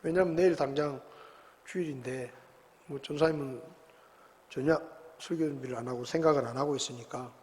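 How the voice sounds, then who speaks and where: A man's voice: mid-range voice, brisk, pauses often, darkish tone. A man, a pastor preaching a sermon in a conversational, storytelling way with rhetorical questions. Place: church sanctuary. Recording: long church hall reverb.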